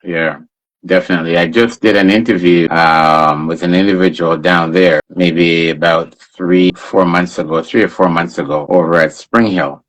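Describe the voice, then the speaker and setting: A man's voice: low voice, steady tone, moderate pace, a bit bright, low-quality recording. A man hosting a live interview conversation in a friendly, affirming, conversational way. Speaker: interview host.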